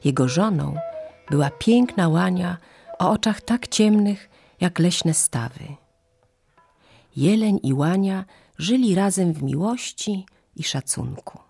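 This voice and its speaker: A narrator telling a fable in calm, measured storytelling. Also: medium pitch, gravelly, husky, soft background music.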